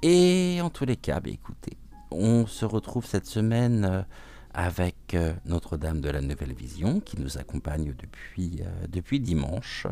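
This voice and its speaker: A man hosting a gentle morning oracle card reading, talking softly and soothingly with many hesitant pauses. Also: low voice, expressive, creaky. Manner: hesitant, frequent filler pauses; soft, soothing, welcoming. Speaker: oracle card reader, channel host.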